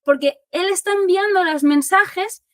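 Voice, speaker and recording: With a high voice and a measured pace, a Spanish occupational therapist from Spain talks informally to families, explaining with animation and acting out quotes. There's no room sound.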